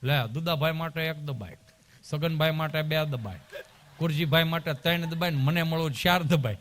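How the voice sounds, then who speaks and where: A high-pitched man, spinning a comic village tale on stage. He is middle-aged and animated, slipping into other voices as he goes. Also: moderate pace, slight background noise. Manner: rustic, animated storyteller who acts out voices. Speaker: stand-up comedian. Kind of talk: folk storytelling comedy.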